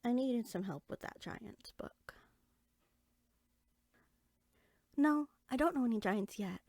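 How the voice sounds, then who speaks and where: Cheerful and expressive, a woman portrays a friendly, inquisitive young fairy sorcerer in a conversational roleplay audio drama, chatting eagerly with soft asides. Her voice is on the high side at normal speed, recorded with no room sound.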